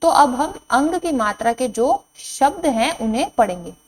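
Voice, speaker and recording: Slow-reading woman teacher. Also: high-pitched, lively intonation, low-quality recording. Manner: slow, drawn-out reading of each word, then repeating it; asks the children questions and answers them herself. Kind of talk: classroom lesson at a board.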